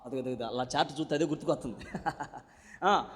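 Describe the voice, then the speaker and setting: A man preaching a sermon at a prayer meeting. He calls for responses from the congregation, moving between loud shouted lines and quiet joking asides. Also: medium pitch, brisk. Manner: call-and-response, urging the crowd to repeat and shout back. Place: church prayer meeting hall. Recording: long hall reverb.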